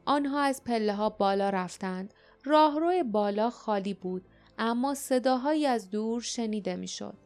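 A woman narrating an audiobook calmly and steadily. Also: fairly high pitch, soft background music. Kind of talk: scripted storybook narration.

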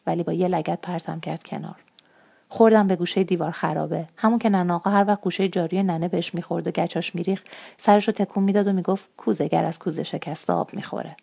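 A woman author reading her own first-person short story aloud in a slow, soft-spoken, intimate way. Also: on the low side, gravelly.

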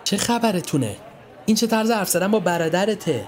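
A man's voice: high voice, very animated, slight background noise, voice pushed up. A man voicing a stern middle-aged mother who scolds her children firmly. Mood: scolding. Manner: scolding, firm.

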